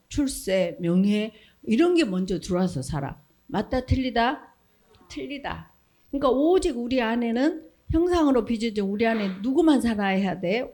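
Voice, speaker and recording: A middle-aged woman giving a Sunday school sermon, quizzing children with questions and acting out little voices. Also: a little high. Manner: animated question-and-answer with children, acts out voices. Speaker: children's ministry preacher.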